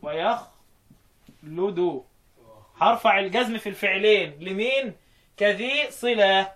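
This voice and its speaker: A man with an Egyptian accent teaching Quran recitation, chanting verse lines slowly and then explaining them quickly while quizzing his students. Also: sits high. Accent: Egyptian Arabic.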